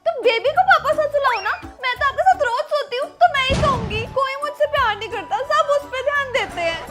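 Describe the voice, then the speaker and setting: A cheeky, whiny little schoolgirl, played by a woman, sulks and pleads in a comedy sketch. Her voice is squeaky and very high. Music plays clearly beneath her. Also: lively intonation, fairly quick. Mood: sulky. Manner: sulky, pleading, mischievous. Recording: music playing over the voice.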